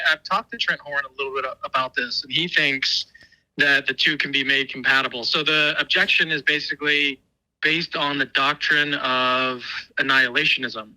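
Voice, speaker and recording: A man's voice: fairly high pitch, steady tone, moderate pace, sharp tone, low-quality recording. A man calling in to a show and heard over a speakerphone, talking thoughtfully and hesitantly with many fillers. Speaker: guest calling in. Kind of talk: casual call-in conversation. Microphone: phone call played over speakerphone.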